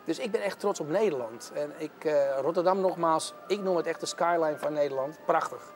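Brief: enthusiastic male interviewee, middle-aged, slightly high voice, faint background hiss. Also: fairly quick. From Amsterdam. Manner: candid, enthusiastic, restarts often. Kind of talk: casual interview answers. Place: theatre stage.

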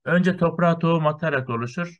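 Male primary teacher, patient, counts step by step, slow lesson for small children. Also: on the high side, highs cut off. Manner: counts through lists step by step, often saying "sevgili öğrenciler".

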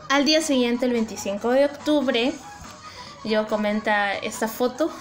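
A young woman vlogging in casual chat. She translates posts for her viewers and gushes excitably, with lots of giggling. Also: fairly high pitch, a little slow, faint music behind. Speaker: fan vlogger.

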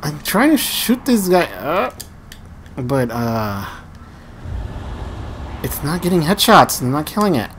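A man's voice: on the high side, sing-song, slow, long pauses, fairly bright tone, a little hiss or hum. Man grumbling through casual gameplay commentary. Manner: mutters and grumbles at enemies mid-fight; self-deprecating, a bit nervous and stumbling. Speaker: gamer channel host.

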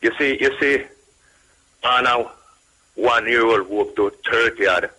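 A man's voice: mid-range voice, a little slow, bright, forceful tone, rough recording. A man from Jamaica with a Jamaican accent, calling in to a radio show and talking casually, emphatic and full of repeated tag phrases. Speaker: radio caller. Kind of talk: casual call-in talk.

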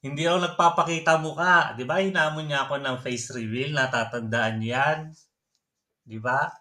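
A man's voice: mid-range voice, steady tone, normal speed, pushed and bright. A man talking casually on a livestream, taunting a rival and laughing often. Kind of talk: reaction livestream talk.

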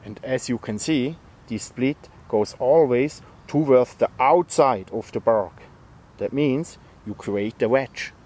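Heavy background noise surrounds a man demonstrating bushcraft in a forest, explaining each step plainly and in a friendly way. He is an instructor whose first language is German, speaking slowly at a medium pitch.

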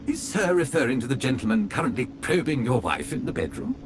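A man's voice: medium pitch, sing-song, fairly quick, natural voice. A man voicing a prim, polite butler robot. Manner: deferential, addresses his master in the third person. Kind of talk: video game voice acting. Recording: game music underneath.

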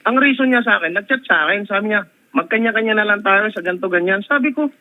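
A man's voice: sits high, lively intonation, quick pace. A man on a phone call, answering a complaint defensively and calling the host "sir" again and again. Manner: defensive, repeatedly saying "sir". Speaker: husband responding to a complaint. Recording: tinny phone line.

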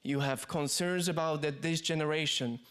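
A young man from Hungary asking a question from the audience in a large theatre, speaking into a handheld mic, hesitant and halting. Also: fairly high pitch, fairly even intonation, fairly bright tone, clear, resonant tone. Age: young adult.

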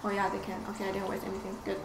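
A woman's voice: medium pitch, completely flat delivery, very fast, reverberant, noisy background. A woman playing a co-op video game at home, asking questions and cheering her partner on affectionately. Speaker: co-op gameplay player. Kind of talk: casual gameplay chat.

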